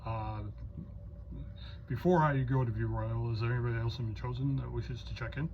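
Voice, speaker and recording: Speaking at normal speed with a steady, medium-pitched voice, a man serves as net controller on a ham radio roll call. He calls stations using casual procedural patter, hesitating at times, on noisy, muffled lo-fi audio.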